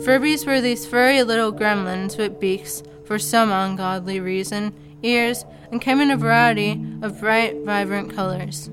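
A woman's voice: mid-range voice, a little slow, few pauses. A woman narrating a comedic story in a casual, sarcastic way. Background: faint background music.

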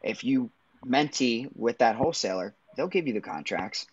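A man's voice comes through a slightly dull, muffled audio feed. He talks through practical advice in a relaxed, conversational way, with plenty of "I mean" fillers. His pitch is in a medium range. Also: normal speed, husky. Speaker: guest sharing business advice. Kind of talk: casual chat.

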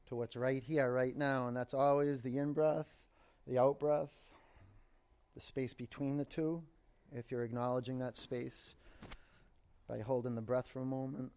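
Male yoga teacher, medium pitch, leading meditation in short, unhurried phrases with room to breathe. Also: darkish tone, smooth. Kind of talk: guided yoga and meditation instruction.

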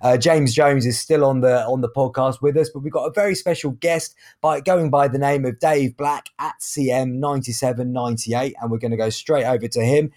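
A man's voice: mid-range voice, steady tone, fairly quick, hardly any pauses, darkish tone. A man hosting a podcast in a chatty, self-deprecating, casual way. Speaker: podcast host.

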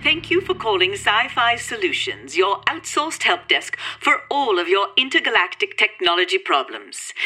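Woman doing a smooth phone-menu announcer. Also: mid-range voice, sharp tone, heavily acted. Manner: smooth scripted recorded-message delivery.

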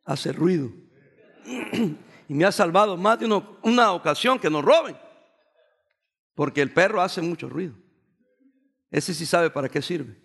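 This male pastor's sermon is full of energetic storytelling sprinkled with English phrases. His voice is high, with vocal fry, and he speaks a little slowly, leaving long pauses.

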